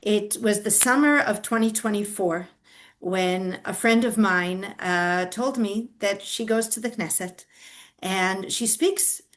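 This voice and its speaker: Speaking slowly at a medium pitch, this grandmother and activist, an older woman whose native language is not Hebrew, responds to interview questions as a guest. She is earnest and explanatory, often restarting and using fillers.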